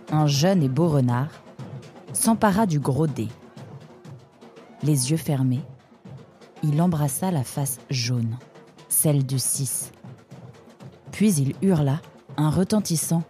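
A woman narrating a children's animal story with an expressive reading. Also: low-pitched, takes it slowly, pauses often, soft background music.

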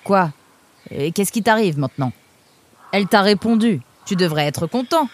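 A woman's voice: medium pitch, animated, lightly acted. A woman voicing a cheeky male friend who teases and cheers up his pal. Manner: cheeky, encouraging, quick. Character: teasing, upbeat male best friend.

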